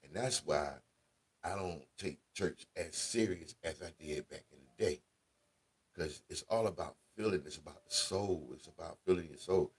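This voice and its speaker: Man, very low deep voice, husky, laid-back storytelling, casual slang, radio host. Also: moderate pace.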